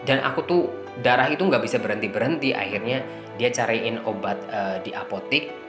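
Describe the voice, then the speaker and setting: A man from Indonesia narrating his own life story as a confession, candid and halting, with many fillers and restarts. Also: medium pitch. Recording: echoey room with music underneath.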